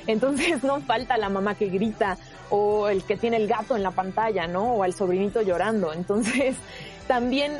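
A woman teacher with a Mexican Spanish accent, talking casually and loudly about teaching online. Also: mid-range voice, normal speed, soft background music. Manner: loud, animated speaker who gestures a lot. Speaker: university teacher.

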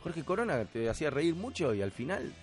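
A man's voice: a little high, sing-song, fairly quick, music in the background. A man with a Rioplatense Spanish accent, hosting a casual comedic chat as a playful, rambling storyteller. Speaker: podcast host.

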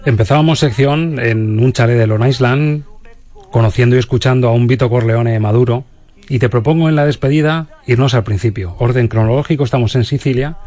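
A man's voice: medium pitch, fairly quick, dark tone. A man hosting a radio show in a polished presenting style. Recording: music bed behind the voice.

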